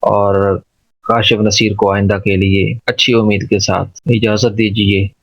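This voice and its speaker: Slow, gravelly male teacher with inflection. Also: on the low side, level tone, dry recording. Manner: repeats words slowly and drills syllables. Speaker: English pronunciation teacher. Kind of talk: slow explanatory lesson. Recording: dull lo-fi dry recording.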